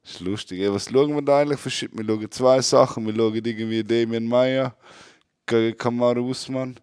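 A young man with a Swiss German accent hosting a casual podcast chat, joking, laughing often and shouting to act out his jokes. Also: mid-range voice, fairly even intonation, brisk, clean tone, no echo, studio quality. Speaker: podcast host.

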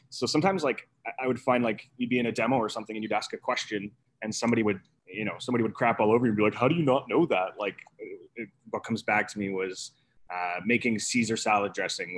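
A man, an executive chef, talking casually and rambling with many fillers and restarts. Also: on the low side. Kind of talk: casual conversational storytelling.

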